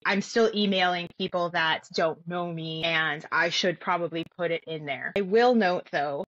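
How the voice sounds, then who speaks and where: Woman, interview guest, thoughtful, restarts often, low-ish voice, dull lo-fi audio. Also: normal speed, fairly bright tone, no room sound. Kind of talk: conversational interview.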